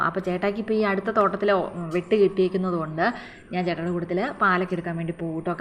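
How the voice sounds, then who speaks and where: A woman from the Kerala highlands telling a personal story to her viewers in a rambling, casual way. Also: slight background noise. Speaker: vlogger. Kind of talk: storytelling narration.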